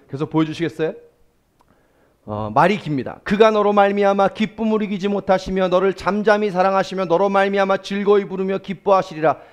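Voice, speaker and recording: A male pastor preaching a sermon, swinging between loud exclamations and hushed, almost whispered lines. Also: sits high, clean tone.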